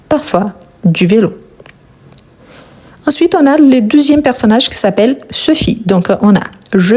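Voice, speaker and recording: A woman teaching French grammar, repeating each step with slow, careful dictation and brief encouragement. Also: medium pitch, a little mellow, breathy edge. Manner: slow, deliberate dictation with repetitions. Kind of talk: grammar lesson, spelled out slowly.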